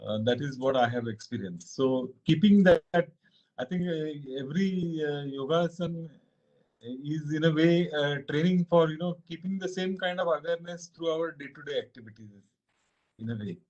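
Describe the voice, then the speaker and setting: A man, reflecting informally to a group in a halting, hesitant way with frequent pauses. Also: fairly high pitch, a little mellow, lo-fi sound.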